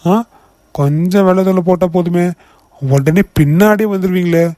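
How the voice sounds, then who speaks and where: Brief: man playing a nasty cartoon bully, high yet mellow, sneering, dry close sound. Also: moderate pace, no room sound, natural voice. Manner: sneering, insulting. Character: young male bully brother, rude and threatening. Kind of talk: cartoon voice acting.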